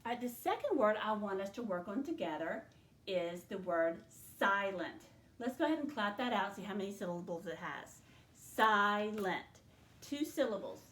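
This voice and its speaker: A woman's voice: mid-range voice, very animated. Woman teacher sounding out words, echoey. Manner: slow, clearly sounded-out teaching. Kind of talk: classroom spelling lesson. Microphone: in front of a whiteboard.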